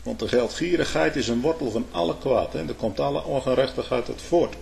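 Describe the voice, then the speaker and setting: Speaking fairly quickly in a creaky voice, this man gives an emphatic sermon. Key words burst out with sudden rises in volume and pitch, and he keeps checking in with the congregation through brief asides such as "hoor" and "hm?".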